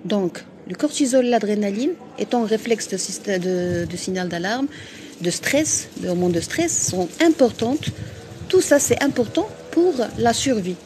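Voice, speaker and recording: A woman's voice: medium pitch, animated, measured pace, darkish tone, slight background noise. A woman doctor from Morocco hosting a live stream, answering viewers' comments frankly, with frequent fillers and restarts.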